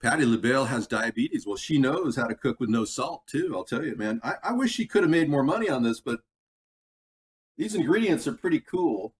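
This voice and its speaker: A male host of a casual live cooking stream talks briskly and expressively in a mid-range voice, rambling folksily and stopping to read the chat. The sound is tinny and distant, coming from a computer microphone away from his mouth, with background noise.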